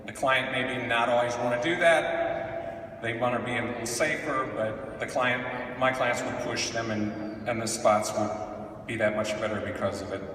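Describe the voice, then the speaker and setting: A middle-aged man giving an acceptance speech at a podium, speaking haltingly with frequent pauses. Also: mid-range voice, fairly bright tone. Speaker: award recipient, veteran film editor. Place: large indoor hall at an awards event. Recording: very echoey hall, distant mic, faint noise.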